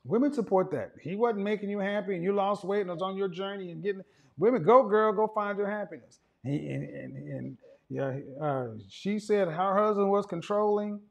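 A man's voice: sits high, normal speed, vocal fry. A man hosting a call-in debate show, blunt and pushing back on callers, with features. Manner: blunt, pushes back, talks over callers. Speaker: host taking callers.

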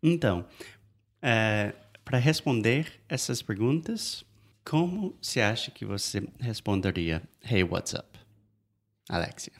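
A native English-speaking man co-hosts a bilingual English lesson, patiently modeling phrases and saying "perfect" again and again. His voice is fairly low and very animated, and he speaks slowly.

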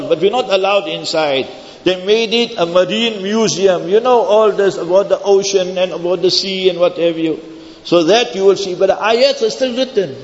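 A man preaching informally, telling stories conversationally and addressing his listeners directly. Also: sits high. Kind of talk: informal sermon with storytelling. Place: large echoing hall, speaking to a gathering. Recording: muffled, reverberant large hall.

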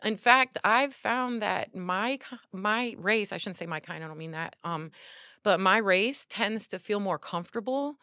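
A woman in her forties, a podcast guest, telling her story in an earnest, animated way with many filler words. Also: medium pitch, measured pace, no room sound, studio quality. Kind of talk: casual conversational storytelling.

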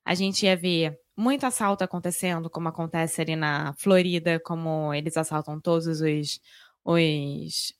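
A woman's voice: deep voice, steady tone, normal speed, dry recording, clean studio sound. A Brazilian woman co-hosting a podcast in casual conversation, speaking expressively and emphatically. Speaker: podcast co-host.

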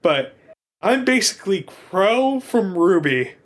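A man's voice: high voice, sing-song, slow pace. A man playing a tabletop game, explaining his character's rules with a joking tone. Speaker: player.

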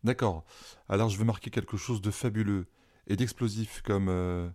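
Male narrator doing a cheeky, laughing boy in a storybook, low and mellow. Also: fairly even intonation, moderate pace, close to an everyday voice. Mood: eager. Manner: mocking, laughing. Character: excitable joking boy cousin.

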